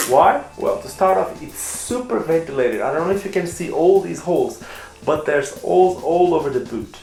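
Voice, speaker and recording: A man who speaks Portuguese as his first language, giving a chatty, enthusiastic review while unboxing skates and correcting himself along the way. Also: mid-range voice. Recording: echoey room with faint music.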